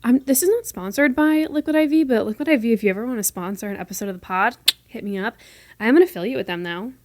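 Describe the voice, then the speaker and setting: Her voice sits on the high side, with no room sound. She's a twenty-something North Carolinian hosting a laid-back solo podcast from her room, chatty, fast and playful, with a mostly neutral American accent that drifts into a soft Southern lilt at times.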